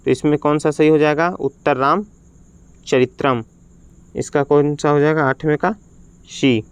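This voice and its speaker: Clear-voiced man teaching exam questions. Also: fairly high pitch, dry recording. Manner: reads each question and its options, then gives the answer. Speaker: Hindi teacher. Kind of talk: exam practice lesson.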